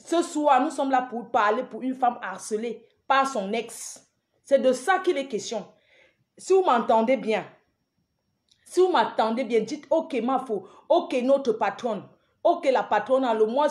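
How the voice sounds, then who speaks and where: A fairly high-voiced woman hosting a live stream for her viewers. She keeps chanting rallying calls, shouts out their names one after another and breaks off into emphatic, scolding asides. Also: expressive, a little slow.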